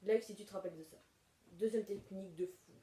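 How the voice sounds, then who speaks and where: A woman's voice: mid-range voice, fast, mellow. A woman hosting a casual home video review, rambling with lots of hesitations. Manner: rambling, many hesitations and fillers. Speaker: video host reviewing toy blaster magazines. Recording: echoey room, mic far off, noisy.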